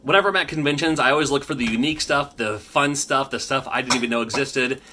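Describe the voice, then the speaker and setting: A man's voice: medium pitch, fast, noisy background. A man in his thirties, a father, hosting a casual unboxing vlog, chatty and rambling with frequent restarts. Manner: chatty, rambling, self-correcting. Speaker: YouTube host. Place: home room with his kids.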